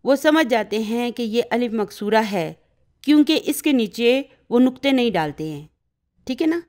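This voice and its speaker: A woman's voice: a little high, lively intonation, a little mellow. A woman teaching Arabic grammar in Urdu. She explains step by step and often checks that the listener has followed. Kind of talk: grammar lesson.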